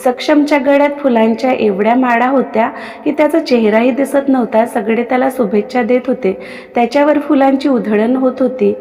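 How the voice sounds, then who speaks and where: A woman narrating a romantic story in a steady, expressive reading voice. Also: a little high, a little fast, in a large hall.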